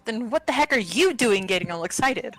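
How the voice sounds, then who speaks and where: A woman's voice: fairly high pitch, expressive, fairly quick, music in the background, lightly acted. Nick, a woman doing a weary young lawyer. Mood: deadpan. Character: 24-year-old male lawyer, dry and weary. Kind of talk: live fan dub of a game.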